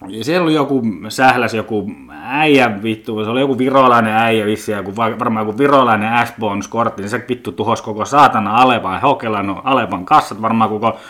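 A man's voice: lowish voice, few pauses, fairly bright tone. A man with a Finnish accent talks through a loose, rambling podcast monologue. He is blunt and joking, swears freely, and often stumbles over words before finding them. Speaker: podcast host.

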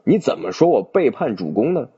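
A man's voice: mid-range voice, very animated, brisk, warm tone, breathy edge, highs cut off. A man voicing a loyal young male general in a storybook tale, speaking in a raised, pleading, strained voice. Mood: defensive.

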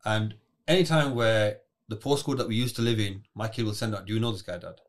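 A man's voice: lowish voice, fairly quick. A middle-aged man from Bradford, a podcast guest joking and teasing in casual banter. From Bradford, England.

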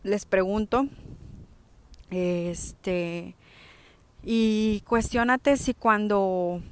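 A woman gives a reflective self-help talk in a smooth, clear voice at a middling pitch. She addresses the listener directly and often pauses or restarts her phrases.

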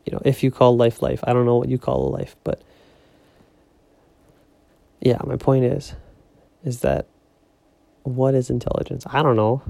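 Young guy rambling on his podcast late at night, low and gravelly, dark dry sound. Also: flat delivery, normal speed, pauses often, no echo. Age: young adult. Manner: rambling, filler-heavy, talking softly so as not to wake others. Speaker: podcast host. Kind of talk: casual solo podcast musing. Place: home at night.

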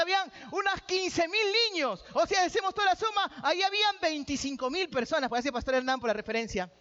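A man's voice: extremely high pitch, fairly bright tone. A man preaching a sermon, joking with the congregation and calling out to them as he retells a story. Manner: calls out to the audience. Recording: dull lo-fi sound.

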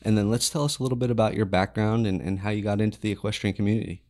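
A man's voice: fairly low pitch, fairly even intonation, very fast, darkish tone. A man hosting a studio podcast, asking friendly questions to prompt his guest. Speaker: podcast host. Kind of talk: casual interview chat.

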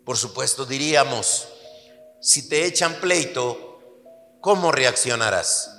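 Slow, bright-voiced pastor preaching. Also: male voice. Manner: earnest, drops low for emphasis, then lively storytelling. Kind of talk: sermon. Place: church hall. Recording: reverberant church hall with soft music.

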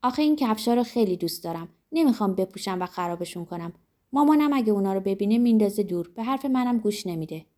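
A woman's voice: mid-range voice, animated, mellow, close to an everyday voice. A woman voicing a stubborn young girl insisting on having her own way. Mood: insistent. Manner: insistent, pleading.

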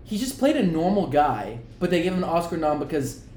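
A man's voice: on the high side, big pitch swings, brisk, darkish tone, roomy sound, slight background noise. A man chatting casually about movies, jokey and rambling, often restarting his sentences. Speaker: podcast co-host. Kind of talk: casual chat.

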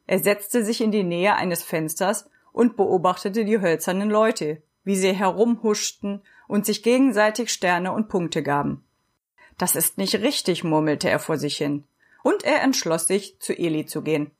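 A woman narrating a children's storybook in a steady, expressive reading voice. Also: fairly low pitch, measured pace. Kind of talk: storybook narration read aloud.

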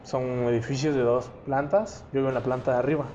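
A man's voice: medium pitch, fairly even intonation, fairly quick, warm tone, highs cut off, a little hiss or hum. A young man with a Mexican accent, chatting casually and rambling, peppering his talk with slang. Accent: Mexican Spanish. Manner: rambling, slangy, fills with "güey". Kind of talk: casual chat among friends.

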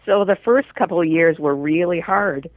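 A woman's voice: fairly low pitch, moderate pace, dry recording. American lady guest w/ a head cold, stuffy voice, thin phone-like sound, telling her story. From Chicago, United States. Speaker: podcast guest, chiropractor and business owner. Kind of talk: interview answers, personal storytelling. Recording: narrow tinny phone-like line.

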